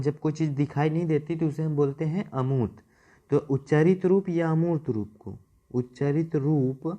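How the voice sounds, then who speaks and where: A man's voice: on the high side, dark tone. A man teaching a Hindi grammar class, repeating key terms, stretching words for emphasis and asking questions he then answers himself. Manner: repetitive, asks and answers own questions. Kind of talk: classroom lecture.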